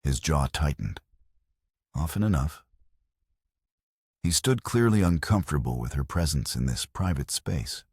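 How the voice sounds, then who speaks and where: Very deep, husky male storyteller. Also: very animated, moderate pace, few pauses, darkish tone, no echo, studio quality. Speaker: narrator. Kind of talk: scripted storybook narration.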